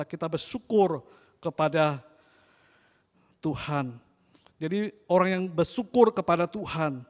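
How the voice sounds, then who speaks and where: A man, a pastor, preaching a sermon with emphatic, repeated phrases that rise in stress. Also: high voice. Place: church. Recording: church hall reverb.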